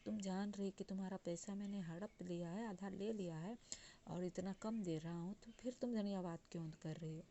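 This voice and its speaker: A woman's voice: mid-range voice, fairly even intonation, normal speed, mellow, dull audio, slight background noise, natural voice. A woman teacher reading out the lines of a stern male employer from a textbook story. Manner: reads quoted lines aloud from a textbook. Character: stern male employer cheating his governess.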